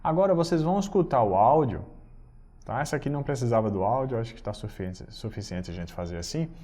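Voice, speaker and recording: A man teaching German, explaining patiently and reading German phrases slowly. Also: mid-range voice, animated, dark tone. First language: Portuguese. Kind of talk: recorded language lesson.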